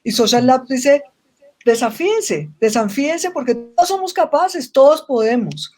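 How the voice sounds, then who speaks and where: A Colombian woman joins a webinar as a guest for a casual, reflective interview conversation. Her high-sitting voice is expressive, unhurried and a little mellow, and she often restarts phrases and finishes them with tag questions.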